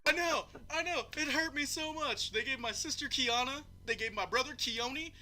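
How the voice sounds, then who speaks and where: A man's voice: very high voice, moderate pace, heavy background noise. A man chatting as a guest on a live stream, joking and poking fun at himself. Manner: joking, self-mocking. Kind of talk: casual live-stream chat.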